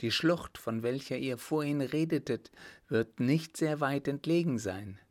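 A threatening accomplice in an audiobook story speaks curtly, pitched noticeably higher than the narration, as a man reads him. He issues warnings without raising his voice much. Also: a little slow, darkish tone, lightly acted. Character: harsh male accomplice officer, threatening.

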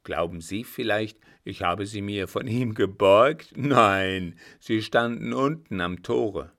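A man voicing an old, blunt field marshal who talks loudly and teases, with a gravelly low voice. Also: takes it slowly. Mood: gruff, bantering. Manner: loud, brusque, bantering.

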